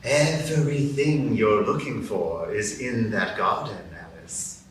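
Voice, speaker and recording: Man voicing a slow, sly grinning cat. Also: mid-range voice, lightly acted. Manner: slow, drawling and mocking. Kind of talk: live radio play acting. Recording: echoey room, mic from far off, faint background noise.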